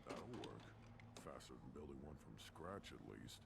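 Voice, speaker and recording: A man playing a gruff, combative alien warrior mechanic in a video game, proud, curt and sardonic. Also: a bass voice, expressive, moderate pace, heavily acted. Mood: gruff, impatient. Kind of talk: video game character acting. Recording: game ambience noise behind voice.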